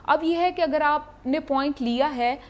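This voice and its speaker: A woman athlete chats as a guest on a TV talk show. She tells stories in a lively, animated way. Her voice sits high. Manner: lively, animated anecdote telling. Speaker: martial arts athlete guest. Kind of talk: casual interview storytelling.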